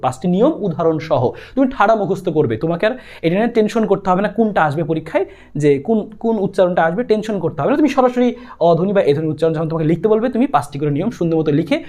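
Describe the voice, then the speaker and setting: A man's voice: sits high, a little mellow. A young man with a Bangladeshi Bengali accent, coaching students through an exam-prep lesson in an urgent, repetitive, coaxing way. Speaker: tutor.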